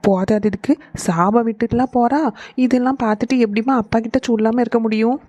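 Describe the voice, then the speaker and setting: A woman plays a fatherly male village shopkeeper in a cartoon, speaking in a mellow, dark tone. His voice is close and dry, with no room around it. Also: a little high, fairly even intonation, a little fast, no room sound, natural voice. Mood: sympathetic. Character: kindly middle-aged male village shopkeeper. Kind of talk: cartoon voice acting.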